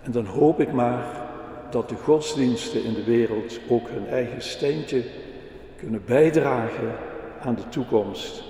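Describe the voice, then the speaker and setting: Male preacher, deliberate, warm dark tone, very echoey church. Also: medium pitch. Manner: slow, earnest, deliberate. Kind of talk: sermon with children's story. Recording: echoey church hall with long reverb.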